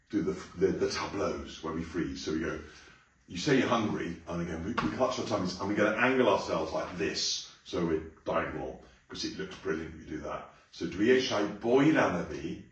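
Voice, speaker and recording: A man teaching a song to a class, explaining phrases and then singing them slowly. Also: a bit bright, distant mic, a little hiss or hum. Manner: encouraging, sings lines slowly and high, then explains. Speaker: music teacher. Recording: very roomy, from away from the mic.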